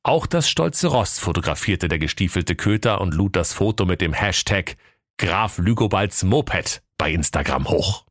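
Deep-voiced man reading a comic fairy tale. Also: lively intonation, measured pace, a bit bright, no echo, clean studio sound. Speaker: narrator.

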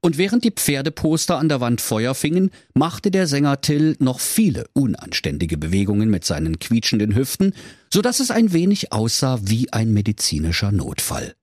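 A man narrating a comic bedtime story in a playful, animated way. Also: mid-range voice, normal speed, dry recording, clean studio sound.

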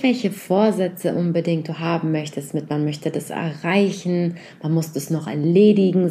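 A low-pitched woman voices a guided reflection meditation. Soft and unhurried, she asks the listener one gentle question after another.

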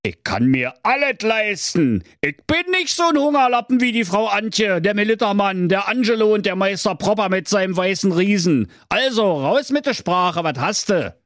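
A man voicing a rich, stingy, boastful man who talks loudly and rudely in a Berlin accent. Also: high-pitched, very animated, a little slow, few pauses, no room sound, clean studio sound, pitched above the performer's own voice, heavily acted. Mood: blustering. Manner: loud, rude, blustering.

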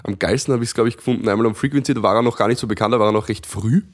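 Young male co-host, low voice, relaxed, halting delivery. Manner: relaxed, hesitant with many fillers and restarts. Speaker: podcast co-host. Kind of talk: casual chat.

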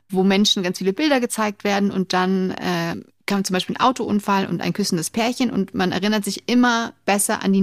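A woman's voice: mid-range voice, no room sound, clean studio sound. A woman co-hosting a casual podcast, explaining things in a chatty way and laughing easily. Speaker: podcast co-host, memory trainer.

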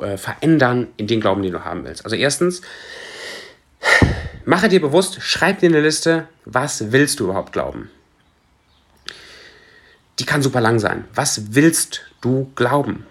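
A young man, a personal development coach, gives a casual motivational talk, often restarting and jumping from soft to animated. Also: medium pitch. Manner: lively, steps from very soft to animated, many restarts.

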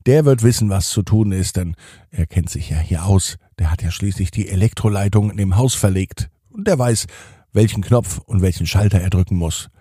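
A man voicing a flustered, excited mother who has overslept, talking in a hurried way. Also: low-pitched, breathy edge, no room sound, clean studio sound. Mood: reasoning.

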